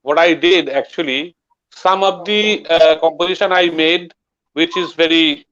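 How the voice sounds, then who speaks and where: A tabla guru, a man, explaining in a slow, halting way and reciting drum syllables in rhythm. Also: a little high, steady tone, fairly bright tone. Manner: slow, halting, mixes English and Bengali, recites bols rhythmically. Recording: slightly dull lo-fi audio.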